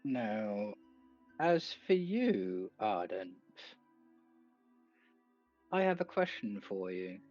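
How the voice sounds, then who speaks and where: A man's voice: on the low side, very animated, drawn-out words, pauses often, darkish tone, faint music behind, heavily acted. Blunt male adventurer, voiced by a man, prodding questions, muffled lo-fi mic. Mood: probing. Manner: probing, leading questions. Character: blunt male adventurer pressing a doomed paladin.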